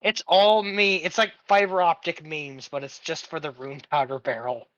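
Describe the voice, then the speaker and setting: Game master, bright voice, joking banter, dull lo-fi call audio, dry sound. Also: mid-range voice, steady tone, moderate pace, dry recording. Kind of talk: casual online tabletop game.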